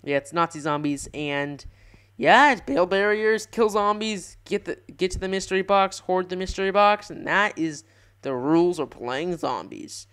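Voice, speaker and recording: A young man giving rambling, excitable live commentary over his own gameplay, often restarting his sentences. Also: sits high, normal speed, clear, resonant tone. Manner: rambling, self-correcting, excitable. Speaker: gaming channel host.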